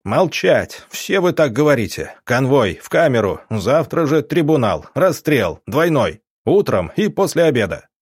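A man voicing a gruff police chief who barks harsh, mocking threats at a prisoner. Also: mid-range voice, big pitch swings, a little slow, hardly any pauses, dry recording, clean studio sound, voice pushed up. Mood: threatening. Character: gruff male police chief, menacing interrogator.

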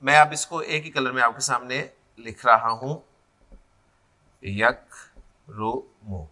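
A man's voice: medium pitch, steady tone, bright, forceful tone. A man with a Pakistani Urdu accent teaching Arabic grammar as a lecture, drilling word forms aloud and often checking that students follow. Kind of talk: classroom lecture.

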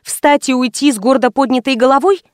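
A woman's voice: high voice, brisk, dry recording. Woman reading a wry story, dry and close. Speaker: audiobook reader. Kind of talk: first-person audiobook narration.

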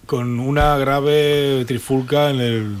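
A radio panelist with a mid-range voice raises a football news item. He hesitates and fills his pauses as he searches for his words. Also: medium pitch, fairly even intonation, smooth. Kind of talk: sports radio news talk.

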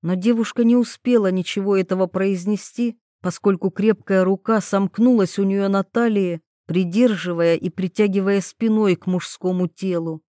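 A woman narrates an audiobook in a steady, even, mid-pitched voice. The recording is dry and close, with no room sound. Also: normal speed, few pauses, dry recording. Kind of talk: scripted narration.

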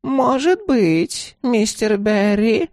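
A man voicing a cool, scheming old woman landlady who talks slowly and sweetly with a threat underneath. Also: high-pitched, lively intonation, darkish tone, dry recording, clean studio sound, voice pushed up, exaggerated voice. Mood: sly.

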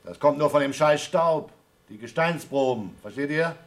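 Man acting a grumbling, low-voiced astronaut. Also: normal speed, natural voice. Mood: irritated, louder. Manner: dry, sardonic, grumbling. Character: gruff, grumbling male astronaut on the Moon. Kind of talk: German radio play acting.

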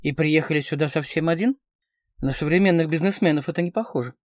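A man's voice: on the high side, darkish tone, dry recording, clean studio sound, close to an everyday voice. A man voicing a sly flirtatious holiday woman. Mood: teasing. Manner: playful, sly, quick.

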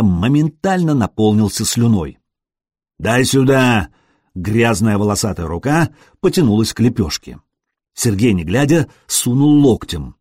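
A man reading an adventure novel aloud as a studio audiobook, in an expressive style that briefly acts out the characters. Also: medium pitch, husky, dry recording. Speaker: audiobook narrator. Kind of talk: scripted audiobook narration.

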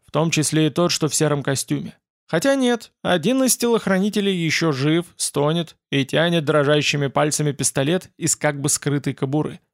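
A man narrating a first-person audiobook in a dry, wry, deadpan manner. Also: fairly high pitch, gravelly, no echo.

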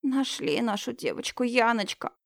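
A woman's voice: a little high, expressive, normal speed, vocal fry, no echo, clean studio sound. A woman reading an audiobook, voicing an elderly woman neighbor who speaks through sobs in broken, stammering phrases. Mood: grief-stricken. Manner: sobbing, broken.

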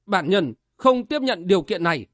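Man playing a grim young swordsman, cold threatening tone, fairly high voice, dry. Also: big pitch swings, moderate pace, a bit bright, no room sound. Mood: defiant.

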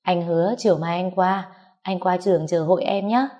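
A woman voicing a bossy, teasing young uncle who scolds and jokes in a low voice. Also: fairly even intonation, normal speed, warm tone, highs cut off, close to an everyday voice.

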